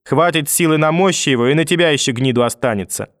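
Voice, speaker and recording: A man's voice: mid-range voice, animated, normal speed, no echo, clean studio sound, natural voice. A man reading an audiobook and voicing a furious, vicious old grandmother who scolds, curses and threatens. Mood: screaming.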